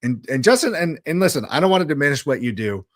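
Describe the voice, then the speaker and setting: A middle-aged man chatting casually on a livestream, his pitch swinging widely as he tells stories and slips into voices when he quotes. The sound is dry and close, with no room echo. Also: fast. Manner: animated storyteller, jumps into voices when quoting. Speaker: livestream co-host. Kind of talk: casual chat.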